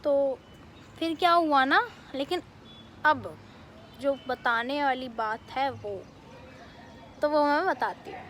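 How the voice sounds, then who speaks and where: A young woman vlogger telling a family story in a casual, animated way, with many fillers. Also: high-pitched, slight background noise. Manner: animated retelling, quick bursts, many fillers.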